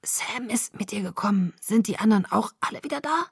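A woman voicing a half-drowned, shivering young woman who speaks in a hoarse, croaking whisper. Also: mid-range voice, lively intonation, brisk, no room sound, studio quality, exaggerated voice. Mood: hoarse, weak.

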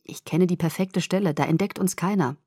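A woman voicing a playful, easygoing teenage boy who talks low and softly. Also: brisk, slightly rough, no echo, studio quality. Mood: quiet. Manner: low, soft-spoken.

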